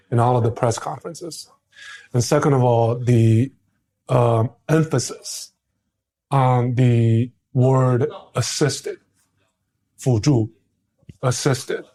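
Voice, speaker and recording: A man co-hosts a casual roundtable talk. He leans hard on the words he wants to stress and pauses with hesitations in between. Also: mid-range voice, mellow. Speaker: podcast co-host.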